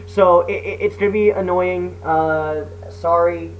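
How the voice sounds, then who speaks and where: A man's voice: sits high, steady tone, unhurried. Guy apologizing to viewers, kinda hesitant and sweary, cheap mic with some hum. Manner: hesitant, sweary, self-deprecating. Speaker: video creator. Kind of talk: casual apologetic explanation to viewers. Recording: noisy hum, poor microphone.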